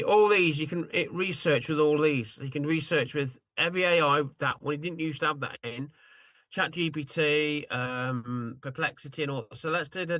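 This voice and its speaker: A man's voice: on the high side, a bit bright, no room sound. A man demonstrating a tool over a video call, talking in a rambling, apologetic way while he searches his screen. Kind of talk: casual screen-share demo on a video call.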